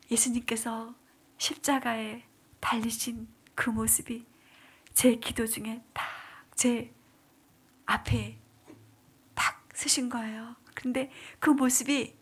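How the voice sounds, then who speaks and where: Slow and husky, with a slightly high pitch and a steady tone, a deaconess pauses often as she delivers an emotional church testimony. Her delivery is dramatic: she sinks to a whisper, then climbs into pleading cries.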